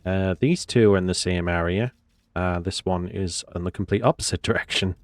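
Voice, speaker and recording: A game commentator with a cold talks in a low, nasal voice at a moderate pace, with no room sound. His casual gameplay commentary rambles and hesitates, full of fillers.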